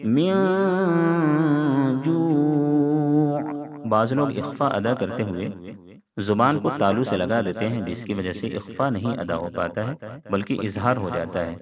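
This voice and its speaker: A man teaching Quran recitation rules step by step, calmly explaining each letter. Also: lowish voice, a crowd in the background. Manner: explains rules calmly, then chants verses slowly. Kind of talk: step-by-step tajweed lesson.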